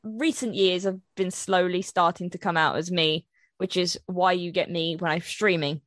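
A woman's voice: fairly low pitch, fairly even intonation, moderate pace, fairly bright tone, no room sound, studio quality. A young woman chatting candidly on a podcast as a cosplayer guest, laughing easily. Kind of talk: casual podcast chat.

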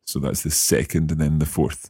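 Deep-voiced man hosting a language lesson. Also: flat delivery, warm tone, breathy edge, no room sound, clean studio sound. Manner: curious learner, tries phrases slowly. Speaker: language course host.

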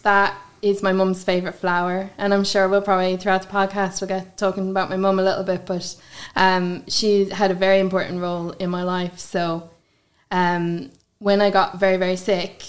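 A woman's voice: mid-range voice, completely flat delivery, moderate pace. Chatty west of Ireland woman. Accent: west of Ireland (Galway). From Galway, west of Ireland. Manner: chatty, informal, uses like and you know. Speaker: podcast guest, blogger. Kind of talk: casual conversational interview.

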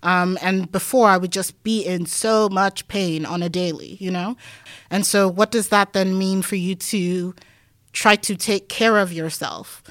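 A woman guest scholar who grew up in Denmark, talking through her ideas in a relaxed podcast interview, thinking aloud with many "like"s and "um"s and the odd wry laugh. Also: medium pitch, unhurried, no room sound, clean studio sound. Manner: reflective, thinks aloud with frequent "like" and "um"; laughs easily, wry asides.

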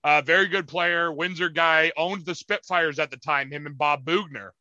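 A man's voice: on the high side, moderate pace, no echo, muffled recording. A young man telling a rowdy, profane story as a podcast co-host over a video call. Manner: animated, profane, acts out quotes in loud voices. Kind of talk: casual storytelling chat.

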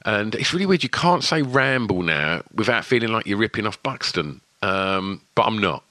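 A man's voice: on the low side, big pitch swings, moderate pace, bright, forceful tone, no echo. A man with an Essex accent and a lisp, hosting a podcast in a casual, rambling, chatty way. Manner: rambling, wittering delivery. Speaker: podcast host.

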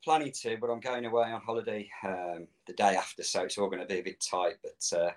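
A man's voice: lowish voice, fairly even intonation, quick pace. Easygoing middle-aged man. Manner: rambling, easygoing, laughs often. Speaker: guest. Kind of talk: casual chat.

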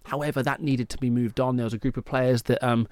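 Male podcast host, Leicester accent, medium pitch, casual and explanatory football talk, very dry sound. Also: steady tone, fast, darkish tone, dry recording.

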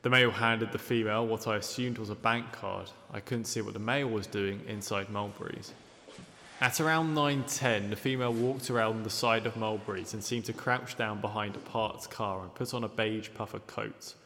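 An actor calmly reading out a witness statement in a formal, measured way. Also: male voice, fairly low pitch, big-room sound, slight background noise. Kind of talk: measured read-aloud statement.

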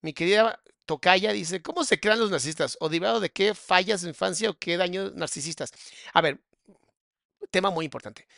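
A man's voice: high voice, normal speed, creaky, fairly bright tone, no echo, studio quality. A man, a psychologist, commenting casually on a clip and answering viewer questions in a familiar, affectionate way. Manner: casual, calls listener mi amor and bebé. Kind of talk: reaction commentary.

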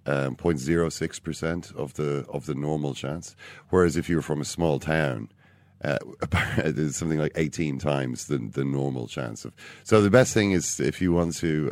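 An Irish man explains his points carefully in a relaxed sports chat. His voice is extremely low and creaky, with a close, dry sound. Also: no room sound. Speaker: sports podcast co-host. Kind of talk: casual sports discussion.

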